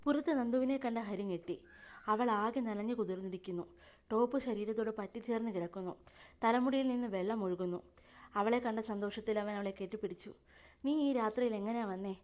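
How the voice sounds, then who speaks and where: A woman narrates a serial romance in a steady, even reading voice. Her tone is mellow and dark. It is scripted storytelling. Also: mid-range voice, brisk.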